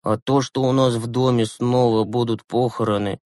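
A man reading an audiobook, voicing a timid, gentle young boy who speaks softly and hesitantly. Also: medium pitch, fairly even intonation, normal speed, no room sound, clean studio sound, lightly acted. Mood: sad. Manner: hesitant, soft.

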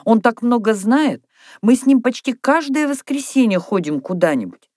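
A woman reading a storybook puts on a chatty young girl who talks eagerly about drawing and books, her voice raised high above the reader's own and carried with strong swings of pitch. The tone is bright and eager. The recording is dry and close. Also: expressive, normal speed, dry recording. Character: lively chatty young girl, dreamy artist.

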